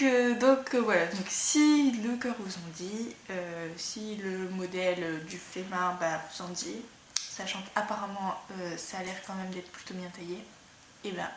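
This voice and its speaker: Slightly hoarse woman, casual crafting-podcast host, chatty and rambling, recorded in a roomy space with faint background noise. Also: medium pitch. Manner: chatty, rambling, many fillers. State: slightly hoarse, losing her voice. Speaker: knitting and sewing podcast host. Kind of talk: casual chat.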